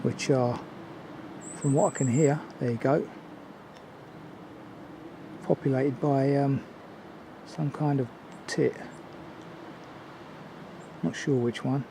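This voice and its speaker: An older man giving a casual, unhurried, observational commentary as he films a walk outdoors. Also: medium pitch, fairly even intonation, gravelly. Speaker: hiking vlogger. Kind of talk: casual walking commentary to camera. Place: outdoors on woodland and mountain trail. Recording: outdoor ambient noise.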